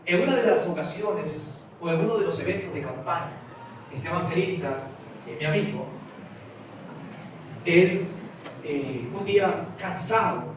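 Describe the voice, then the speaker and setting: A man's voice: sits high, expressive, a little slow, pauses often. A man preaching a sermon with passion, telling stories and acting out the dialogue, recorded from a distance in a large church hall. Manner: impassioned, storytelling with quoted dialogue. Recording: echoey distant hall sound with ambient noise.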